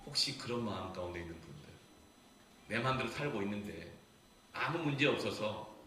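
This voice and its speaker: A man in his forties, a pastor giving a sermon, telling stories with feeling, going from loud to hushed. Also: lowish voice, expressive, normal speed. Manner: emotional storytelling, swings from loud to hushed. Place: church sanctuary. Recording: echoey church hall, distant mic, faint noise.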